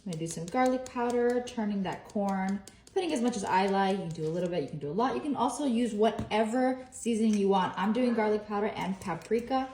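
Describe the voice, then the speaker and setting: A woman's voice: mid-range voice, quick pace, darkish tone. A woman giving an upbeat, chatty step-by-step cooking demonstration in a home kitchen. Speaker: cooking vlogger. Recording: roomy echo, faint noise.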